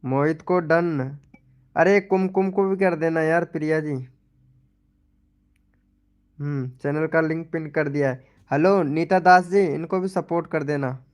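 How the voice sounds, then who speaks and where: A man's voice: on the high side, steady tone, measured pace, pauses often, clear, resonant tone. A young man hosting a casual live stream, chatting and teasing viewers by name while reading their comments. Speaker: live stream host promoting channels.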